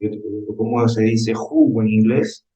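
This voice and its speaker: A man's voice: lowish voice, moderate pace, warm tone, faint music behind. A man teaching an English vocabulary lesson in Spanish, patient and repeating "ok?" to check on his students. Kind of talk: classroom lesson reviewing vocabulary. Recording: roomy, slightly dull recording.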